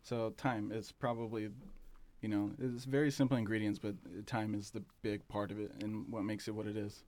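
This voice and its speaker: A man talking as an interview guest about his café, relaxed and rambling, with plenty of fillers and restarts. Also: lowish voice, normal speed. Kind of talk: casual interview chat.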